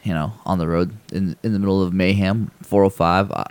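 A man with a low voice talks through a story in a loose, rambling way, full of fillers and restarts. He throws himself into the other people's lines as he tells it. The sound is dry, with no room around it. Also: steady tone, a little fast, darkish tone, clear, resonant tone, no room sound. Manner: acts out people's lines in a raised voice when telling stories. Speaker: podcast host. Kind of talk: casual chat, storytelling.

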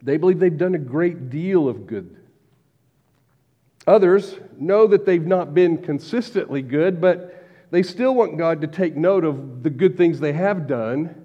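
A man preaching a sermon as pastor, measured, slowing down to stress key words. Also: on the high side, warm tone. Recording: dull lo-fi recording with long hall reverb.

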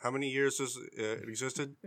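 A man in casual podcast chat, playful and quick to laugh. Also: mid-range voice, fairly even intonation, fairly bright tone.

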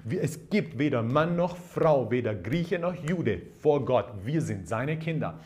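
A man's voice: medium pitch, animated, unhurried, darkish tone. A male preacher delivering a sermon with emphatic, repeated phrases. He punctuates his points with calls of hallelujah and amen.

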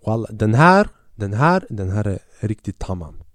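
A man voicing a smooth-talking male fishing-shop salesman who speaks low and confidingly to close a sale. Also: big pitch swings, dry recording. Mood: persuasive.

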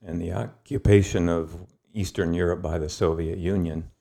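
A middle-aged man, a guest historian, telling history in a thoughtful, storytelling way with pauses and fillers. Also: sits low, steady tone, gravelly, warm tone. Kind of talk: conversational history lesson.

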